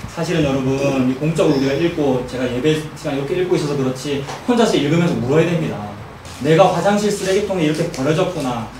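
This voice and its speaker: A male pastor preaching in an echoey church sanctuary, his fairly high voice carrying from a distance. He talks emphatically, shifting into animated storytelling and throwing rhetorical questions at his congregation. Faint room ambience sits under him. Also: a little hiss or hum. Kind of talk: expository sermon.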